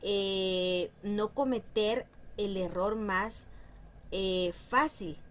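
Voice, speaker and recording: A woman teaching a French language lesson, explaining pronunciation slowly and repeating example words for drilling. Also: medium pitch, a little hiss or hum.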